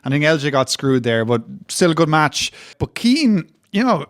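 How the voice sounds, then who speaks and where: Dude rambling on a podcast, kinda high pitched, super dry close sound. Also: male voice, big pitch swings, normal speed, no echo. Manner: rambling, indignant, mock-defensive. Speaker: wrestling podcast co-host. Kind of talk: casual banter.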